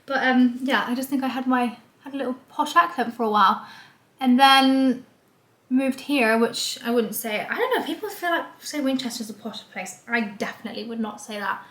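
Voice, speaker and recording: In a small room indoors, a young Scottish vlogger talks to a camera a short distance away, bubbly and rambling with plenty of "like" and "um." Her English accent has a slight Scottish trace. The voice is a little high and a bit bright, at a moderate pace, with reverberant sound.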